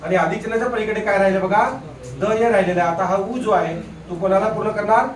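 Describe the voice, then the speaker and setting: High-pitched man, classroom grammar teacher, questioning style, roomy echo, heard from a distance. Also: fast. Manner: drills students with repeated questions. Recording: echoey room, voice off-mic.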